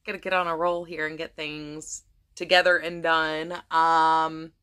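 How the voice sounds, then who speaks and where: A smooth, low voice with a level, sharp tone and a measured pace belongs to a crafting vlogger from the United States. She chats to camera about her crafts, rambling through many restarts while her voice is going.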